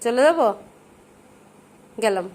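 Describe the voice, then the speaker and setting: A woman, a parent coaxing and pleading with a crying child, repeating gentle calls. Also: fairly high pitch, animated, slow. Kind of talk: casual home video.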